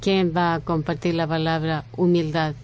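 A woman preaching a sermon in slow, earnest phrases with frequent pauses and restarts. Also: low voice, little pitch movement, a little mellow, slight background noise.

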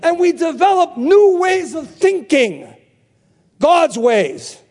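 A very high, sing-song male voice with a darkish tone and slow pace belongs to an older man preaching. He hammers home key phrases through repetition and calls questions out to the congregation, who answer in call-and-response.

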